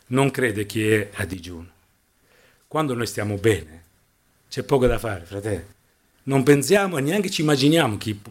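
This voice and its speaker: A male preacher delivering a sermon to his congregation, his voice sitting at a middling pitch. He preaches emphatically, calling out to his brothers and sisters and asking them questions. His pitch jumps suddenly high for stress.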